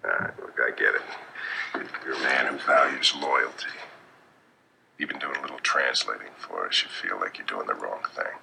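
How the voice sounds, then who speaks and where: A calm male interrogator speaks in a very deep, gravelly voice with a bright, sharp edge. He is measured and no-nonsense, knowing yet sympathetic. This is a TV drama clip with faint ambience behind him. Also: a little hiss or hum, heavily acted, poor audio. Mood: calm persuasive. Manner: measured, low, steady delivery.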